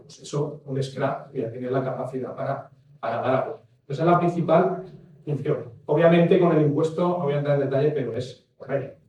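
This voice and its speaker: Guy rambling through a talk, mellow tone, faint hum behind, far the mic. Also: mid-range voice. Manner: rambling, many restarts and asides. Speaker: industry expert. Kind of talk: talk on packaging regulation. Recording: echoey room from far off mic.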